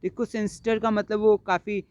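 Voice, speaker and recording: A man's voice: high voice, level tone, moderate pace, darkish tone, clean tone, no echo. A man teaching English, explaining a play line by line and mixing in translation. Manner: mixes Hindi explanation with English text.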